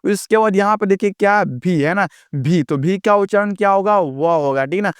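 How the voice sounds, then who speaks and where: A man teaching English letter sounds in an online lesson, repetitive and drawn-out as he keeps calling viewers his friends. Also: high-pitched, clear, resonant tone, no echo, studio quality. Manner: slow, drawn-out letter-by-letter explaining.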